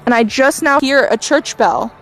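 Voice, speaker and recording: A woman's voice: high voice, normal speed, a bit bright, faint music behind, poor audio. A young woman in a casual, chatty ghost-hunting vlog, talking directly to spirits and to her viewers. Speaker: paranormal vlogger.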